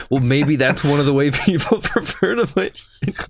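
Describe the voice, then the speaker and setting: A man's voice: on the high side, expressive, moderate pace, gravelly, slight background noise. A young man co-hosting a podcast, chatting casually with lots of fillers and easy laughs. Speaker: podcast co-host. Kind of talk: casual chat. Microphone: podcast microphone.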